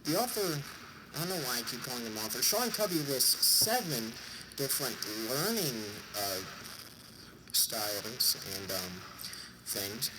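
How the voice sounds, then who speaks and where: A man's voice: medium pitch, big pitch swings, unhurried. A man with a congested, stuffy nose gives an informal, jokey explainer in an irreverent way. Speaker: vlogger summarizing a book. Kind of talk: informal explainer talk to an audience. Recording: clearly noisy background.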